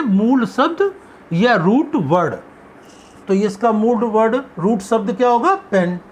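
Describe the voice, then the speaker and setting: In a classroom chemistry lecture, a man with a high voice poses questions and then answers them on his own, stretching key terms out. There's slight background noise.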